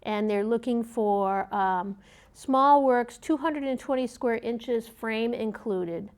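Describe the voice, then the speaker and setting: A woman co-hosting and reading community event announcements in a conversational, slightly halting way. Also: fairly high pitch. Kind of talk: conversational announcements, read from notes.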